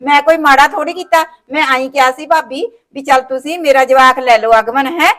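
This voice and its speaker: Speaking fairly quickly in a high-pitched, fairly bright voice, this actress plays a sulking sister-in-law in a family short film. Her Malwa Punjabi accent carries indignant complaints as she rejects each offer and talks over any objection.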